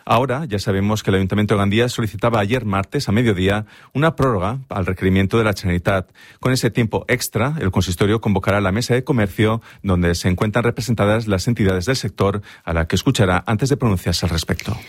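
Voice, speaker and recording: A man the reading a local radio news bulletin in a brisk, steady way. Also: on the low side, dry recording, clean studio sound. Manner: brisk, steady newsreader delivery. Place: radio studio. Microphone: studio microphone.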